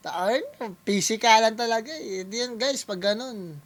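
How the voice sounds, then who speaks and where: A man reacting to a rap battle as a producer, excitable and swearing, often breaking into shouts. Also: sits high, moderate pace. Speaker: reaction video host, music producer.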